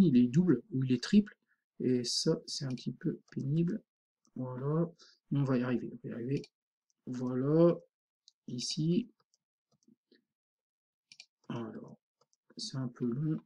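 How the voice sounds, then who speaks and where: A man teaching a screen-recorded software tutorial, informal and thinking aloud, full of fillers. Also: mid-range voice, slightly rough.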